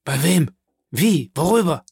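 A man's voice: medium pitch, moderate pace, vocal fry, dry recording, natural voice. A man reading an audiobook, voicing a distraught nobleman magistrate in a pleading, anguished manner. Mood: agitated.

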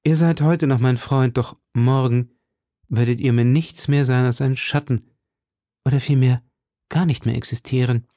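A man's voice: mid-range voice, fairly even intonation, normal speed, dark tone, no room sound, studio quality, close to an everyday voice. A man doing Aramis, a brooding young musketeer. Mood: gloomy. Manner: sighing, solemn, theatrical. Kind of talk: audiobook reading.

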